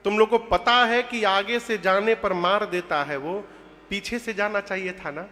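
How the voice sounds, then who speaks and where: A man's voice: high-pitched, measured pace, pushed and bright, big-room sound. A man voicing a scornful demon king who scolds his soldiers in a comic, mocking way.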